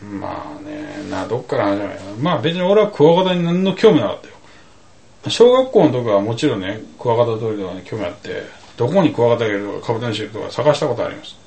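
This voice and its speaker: A man's voice: medium pitch, sing-song, quick pace, creaky, a little mellow, rough recording. A man telling a rambling anecdote in casual chat, full of asides and comic emphasis. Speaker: storyteller.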